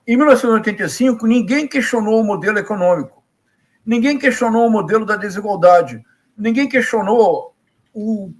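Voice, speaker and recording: Male political commentator, middle-aged, Rio Brazilian accent. Notably high register, lecturing and emphatic, builds points through repetition. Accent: Rio de Janeiro Brazilian Portuguese. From Rio de Janeiro, Brazil. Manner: emphatic, didactic, rhetorical questions and repetition.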